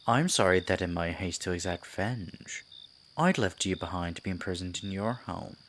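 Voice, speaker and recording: A man playing a sinister, silky Pied Piper in an ASMR roleplay, a theatrical storyteller who coaxes and condescends with deliberate delivery. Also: sits low, lively intonation, a bit bright, slight background noise. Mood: coaxing, menacing. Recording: night insects and forest ambience behind. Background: crickets, night forest ambience.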